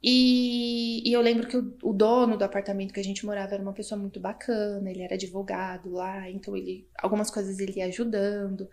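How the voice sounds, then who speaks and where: A woman from Brazil, a guest doctor recounting her past in a casual interview, animated and acting out what people said, with frequent tag questions. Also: medium pitch, quick pace, few pauses.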